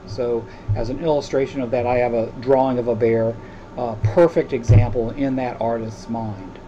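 A man's voice: medium pitch, fairly even intonation, moderate pace, muffled recording, background noise. A man lecturing, explaining ideas step by step with frequent hesitant filler sounds and restarts. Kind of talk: recorded lecture.

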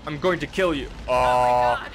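A man streaming a video game, giving casual, crude commentary with goofy loud outbursts. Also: medium pitch, a little slow, soft background music.

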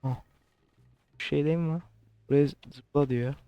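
A man's voice: on the high side, steady tone, normal speed, smooth, no echo, dull audio. A man giving crude, joking let's play commentary, swearing often and sounding baffled by what he plays. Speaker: gamer.

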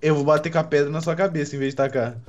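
A man's voice: on the high side, steady tone, racing, a little mellow, muffled recording. A young Brazilian man with a Brazilian Portuguese accent, playfully needling his friends while gaming. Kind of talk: casual gameplay banter with friends.

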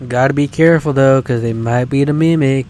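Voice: medium pitch, a little fast, a little mellow, slight background noise. A co-streamer bantering during a game, laughing often and mock-indignant. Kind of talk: casual gaming chat.

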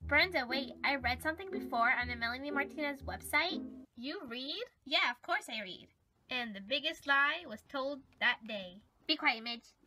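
A woman's voice: high-pitched, expressive, normal speed, sharp tone, soft background music, poor audio. A woman play-acting several toy characters in a melodramatic way.

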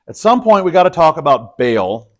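Speaking in a slightly high, very animated voice at normal speed, a man from Texas leads a relaxed Bible study as pastor. Set in a church study room, his explanations are chatty and peppered with fillers and restarts.

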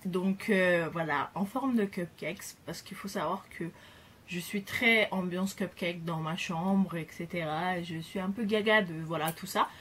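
A young woman vlogger chatting enthusiastically about her Christmas gifts, pausing often to find her words. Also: fairly low pitch, fairly bright tone, a little hiss or hum. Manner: chatty and enthusiastic, hesitant pauses. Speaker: beauty vlogger. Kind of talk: casual gift haul chat.

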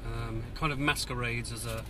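A man with a mid-range voice hosting a deadpan mock-conspiracy video. He hesitates and fills gaps with ums, with a mock-secretive tone. Loud outdoor noise runs behind him. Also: medium pitch, brisk. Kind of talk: deadpan comedy mockumentary. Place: outdoors in the countryside.

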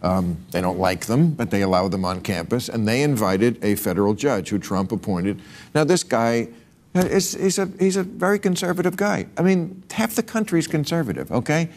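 A man's voice: mid-range voice, very animated, moderate pace, a little mellow. A man hosting a panel discussion, emphatic and argumentative. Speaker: talk show host.

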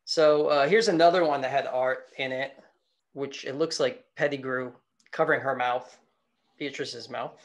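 A man's voice: medium pitch, steady tone, normal speed. A man co-hosting a podcast, talking about old films in a thoughtful, wandering way. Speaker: podcast co-host. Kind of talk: casual film discussion.

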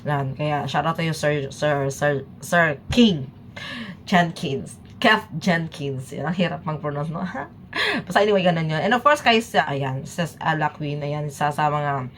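A woman from the Philippines talks through a reaction video in a low, easygoing voice. She chats and laughs as she goes, switching between Tagalog and English. A faint background noise sits under her talk. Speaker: YouTube reaction vlogger. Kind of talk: casual reaction chat.

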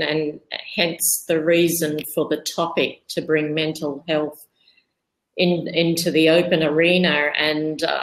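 Slow, earnest woman hosting a discussion. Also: low voice, low-quality recording. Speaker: host. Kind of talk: live-stream discussion.

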